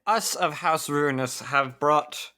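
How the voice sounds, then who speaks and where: A man's voice: on the high side, slow, bright, forceful tone. A man voicing a pompous, flustered young noble hero in a tabletop role-play game, speaking formally and growing exasperated.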